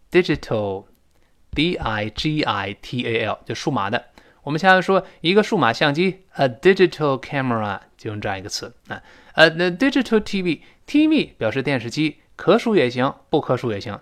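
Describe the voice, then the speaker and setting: A man teaching spoken English, explaining phrases in a lively way and reading English lines slowly and clearly. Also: mid-range voice.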